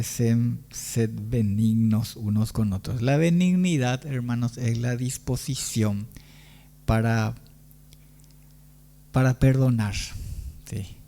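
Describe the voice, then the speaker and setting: A man with a Paraguayan Spanish accent preaching a Sunday sermon, pausing often and asking rhetorical questions of the congregation. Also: mid-range voice, warm tone. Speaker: pastor.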